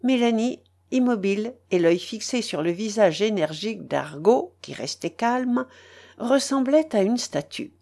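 A woman narrating a classic novel as an audiobook, reading in a dramatic, expressive way. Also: mid-range voice, measured pace, gravelly.

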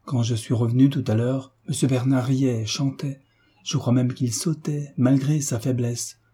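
Man reading as fussy old housekeeper lady, dark husky voice, exclaiming. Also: mid-range voice, unhurried. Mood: alarmed. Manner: excited, exclaiming. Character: flustered older woman housekeeper.

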